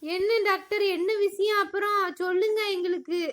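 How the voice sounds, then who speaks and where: A woman doing a bright squeaky cartoon girl, worried. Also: fairly even intonation, normal speed. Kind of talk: cartoon comedy voice acting.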